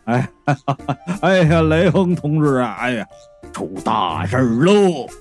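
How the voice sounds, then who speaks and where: A man's voice: lively intonation, soft background music. A man voicing a laid-back, rule-bound male ghost constable in a comic audiobook, drawling his words. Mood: lazy. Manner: drawling, slow and low.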